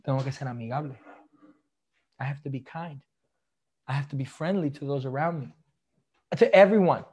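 A man's voice: medium pitch, normal speed, a little mellow, husky. A man in his thirties preaching a sermon, switching between Spanish and English and joking with his congregation. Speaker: pastor. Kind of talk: bilingual sermon.

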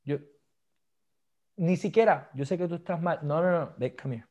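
Man preaching with a lively bilingual delivery. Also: on the high side, normal speed. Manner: switches between Spanish and English, jokes with the congregation. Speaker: pastor. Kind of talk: bilingual sermon.

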